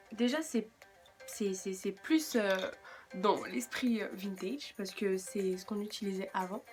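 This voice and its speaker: Woman, French accent, casual makeup tutorial, slightly high voice, faint music behind. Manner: chatty, self-mocking asides. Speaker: beauty vlogger.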